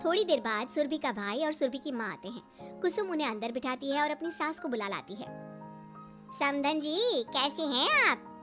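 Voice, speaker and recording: A woman's voice: sits high, expressive, brisk, music in the background. A woman narrating a cartoon story in a plain storybook manner.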